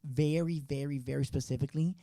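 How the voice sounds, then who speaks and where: A man's voice: mid-range voice, fairly even intonation, brisk, mellow. A man in his late twenties co-hosting a podcast, telling rambling, profane, slang-filled stories in casual chat. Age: late 20s. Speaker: podcast co-host.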